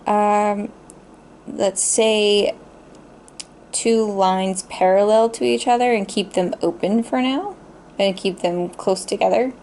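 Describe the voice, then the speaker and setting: A woman chatting casually during a pictionary guessing game, giving drawing instructions and pausing to search for words. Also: medium pitch, fairly even intonation, a little mellow, a little hiss or hum. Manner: halting, pauses to search for words.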